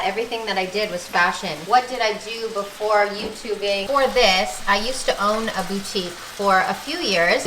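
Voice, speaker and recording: This Canadian woman, a vlogger in her thirties, keeps up a confident, casual chat with playful asides as she cooks in her kitchen at home. Her medium-pitched voice sounds pushed and bright. The space is echoey and a little noisy.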